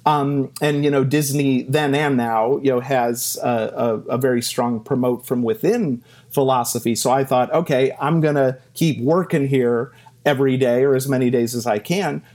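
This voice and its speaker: A middle-aged man telling stories from his career in a casual interview, animated and self-deprecating, laughing and acting out quotes. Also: mid-range voice, moderate pace. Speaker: interview guest.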